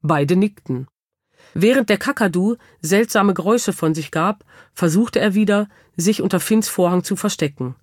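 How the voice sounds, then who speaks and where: A woman narrating a children's audiobook with lively, expressive storytelling. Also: medium pitch, normal speed, no room sound, studio quality.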